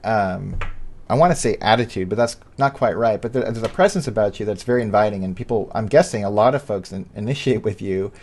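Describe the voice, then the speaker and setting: A man hosting an interview podcast, asking long, halting questions and searching for words with many ums. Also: lowish voice, a little mellow. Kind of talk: casual interview conversation.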